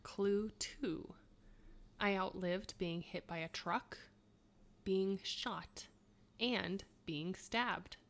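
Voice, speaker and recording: Her mid-range voice is gravelly and extremely slow: a woman in her thirties co-hosting a podcast, reading quiz clues and chatting. She's chatty, laughs frequently, and makes self-mocking asides.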